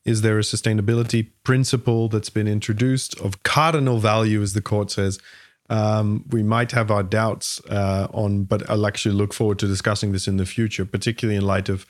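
Academic man co-host, lowish voice, dry sarcastic wit, dead-dry close sound. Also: little pitch movement, fairly quick, no room sound. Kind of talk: casual academic discussion. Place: home attic office.

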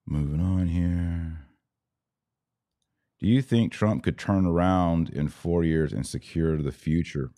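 Low, dark and unhurried, the voice belongs to an American podcast host. He comments live on religion and politics, emphatic and opinionated, in clipped little phrases.

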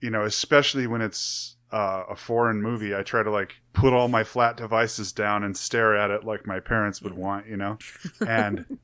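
Male co-host, bright and forceful tone, rambly, full of "like". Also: fairly low pitch, fairly even intonation, normal speed, clear, resonant tone. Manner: rambling, with many "like" fillers and restarts. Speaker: podcast co-host. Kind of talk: casual review chat.

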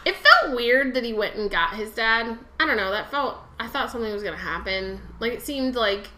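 A woman co-hosting a podcast in casual chat, emphatic and excitable and swearing freely. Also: a little high, a little fast, slight background noise. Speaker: podcast co-host. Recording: roomy echo.

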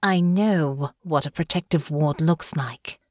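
A woman voicing a blunt, sharp-tongued young woman who speaks tartly and often keeps her voice hushed. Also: on the low side, lively intonation, normal speed, breathy edge, no room sound, studio quality. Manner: tart, snappish, hushed.

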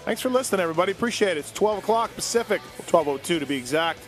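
A man's voice: high voice, lively intonation, soft background music. A man hosting a sports radio call-in show, talking in casual, joking, sarcastic banter. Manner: jokey, sarcastic, fast-moving banter.

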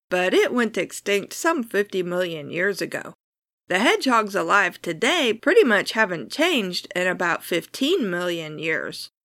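A woman's voice: mid-range voice, bright, forceful tone, no echo. A woman hosting a podcast, reading scripted nature documentary style narration with casual, playful asides and dry humour. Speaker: podcast host.

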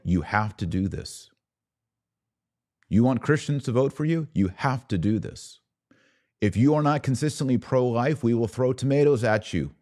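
A political commentator hosting a podcast speaks in a mid-range, somewhat mellow male voice. His monologue is impassioned and rhetorical, with phrases repeated for emphasis.

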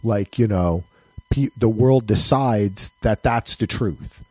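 A man co-hosting a casual podcast chat, talking in an animated way, swearing, laughing and restarting his sentences. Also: fairly low pitch, slow pace, no echo. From United States. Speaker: podcast co-host.

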